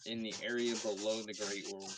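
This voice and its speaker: Really noisy mic, low voiced guy playing a tabletop game, casual chat. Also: little pitch movement, moderate pace. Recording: distant mic with loud noise.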